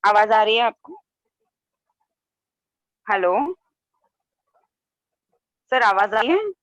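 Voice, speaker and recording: A woman's voice: a little high, big pitch swings, extremely slow, a bit bright, no room sound. A woman in her thirties on an online call, asking whether she can be heard and starting her question. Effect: heard through a call line. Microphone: video call. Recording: dull lo-fi call audio, dry.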